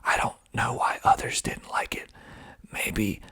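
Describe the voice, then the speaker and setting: A man hosts an ASMR video, reading aloud in a breathy, mostly unvoiced whisper. He's a filmmaker and actor, and his deliberate delivery is broken up by wry, deadpan asides.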